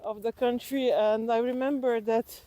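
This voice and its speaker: In a Slovenian accent, a woman from Slovenia reflects on personal stories during an interview, pausing as she thinks aloud. Her slightly high voice is steady and dark, with no echo.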